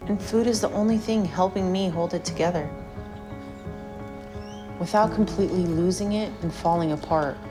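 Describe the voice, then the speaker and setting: A woman's voice: lowish voice, normal speed, pauses often, over music. A woman from Portland, Oregon, speaking candidly in a reality show confessional. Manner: candid, downbeat. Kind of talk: confessional interview.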